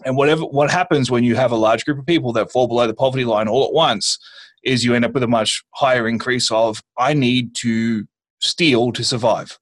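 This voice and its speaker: An Australian man with a mid-range voice speaks plainly and bluntly. His delivery is matter-of-fact, with a dry sense of humor. He sounds like a guest in a relaxed conversation. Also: mid-range voice, fast talker. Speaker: guest, violence management specialist. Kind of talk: casual conversation.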